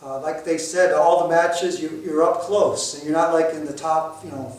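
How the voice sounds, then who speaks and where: A man speaking haltingly in casual interview chat, endorsing local wrestling shows with many hesitations. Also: a little high, steady tone, darkish tone. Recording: very echoey room, distant mic.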